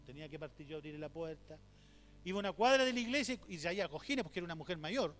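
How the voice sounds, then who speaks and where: High-voiced Chilean pastor in a reverberant hall. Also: male voice, animated, rapid-fire, a bit bright. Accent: Chilean Spanish. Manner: storytelling with rhetorical questions, acts out quoted voices. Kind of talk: teaching talk at a church conference. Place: church hall. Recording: reverberant hall with faint hum.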